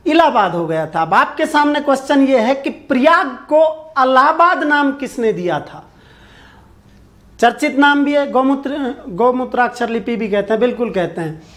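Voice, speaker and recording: A man's voice: very high-pitched, expressive, moderate pace, fairly bright tone. A male teacher giving an online exam-prep lecture. He poses questions, answers them himself and repeats key points for his viewers. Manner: addresses viewers directly, asking for answers in the comments.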